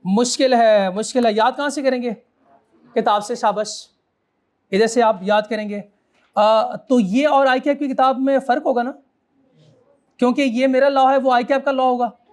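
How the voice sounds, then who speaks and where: A man giving a classroom law lecture, quizzing students and repeating his key points. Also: extremely high pitch.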